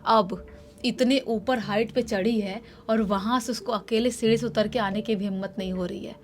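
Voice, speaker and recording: A woman's voice: fairly high pitch, steady tone, moderate pace, soft background music. A woman narrating a horror story in a casual way and acting out the dialogue of the people in it.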